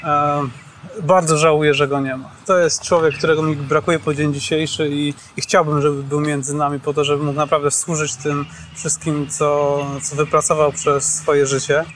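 A man in his thirties, an academic, speaking earnestly and a little hesitantly about a mentor, outdoors on a boom microphone. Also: little pitch movement, normal speed, a bit bright, a little hiss or hum. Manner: earnest, hesitant with fillers and repeats. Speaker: former student, now academic. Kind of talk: reminiscing interview. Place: outdoors on a campus lawn.

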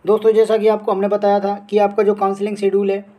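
Over a phone screen recording, an Indian man runs through a screen-share tutorial for his educational update channel. His voice sits high, mellow and monotone, and he talks fast and informally, repeating points and often checking in with listeners.

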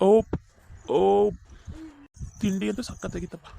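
A man's voice: high voice, fairly even intonation, unhurried, creaky, warm tone, exaggerated voice. A man voicing a jolly, greedy father-in-law in a cartoon, gloating and teasing as he eats.

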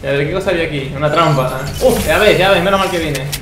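A man, talking to himself over his own gameplay. He is excitable and curses often, with a fairly high voice. The sound is roomy and echoey, with loud noise behind him. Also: fast. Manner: excitable, swearing, talks to himself. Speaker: gameplay streamer. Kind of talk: live gameplay commentary.

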